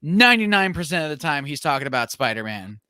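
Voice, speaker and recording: A young man with a fairly high voice talks through a movie review in a loose, chatty way, full of "like" and quick asides. The sound is close and dry, with no room around him. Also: very animated, clean tone, no echo. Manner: chatty, many "like" fillers, mimics characters in a loud voice. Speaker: podcast co-host. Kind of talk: casual movie review chat.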